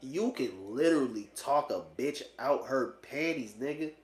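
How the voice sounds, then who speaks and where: Using a mid-range voice at normal speed, a dating vlogger in his late twenties rants bluntly with slang and profanity, casually repeating phrases to drive points home. The recording has an echoey, roomy sound.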